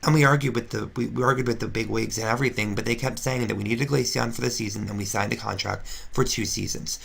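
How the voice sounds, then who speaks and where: A woman playing an indignant, gravelly Flareon diva. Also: very deep voice, fairly even intonation, quick pace, exaggerated voice. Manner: indignant, sarcastic ranting with restarts. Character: brash gossipy female Flareon reality star. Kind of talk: confessional-style fan drama monologue.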